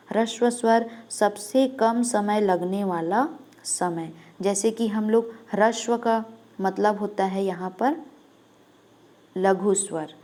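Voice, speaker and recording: A woman teaching an exam-prep lesson at a mid-range pitch. She works through each point patiently and keeps asking questions that she answers herself. When she gives an example, she lingers on the sound and stretches it out. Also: darkish tone. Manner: explains step by step, asks and answers her own questions; drags out sounds when demonstrating.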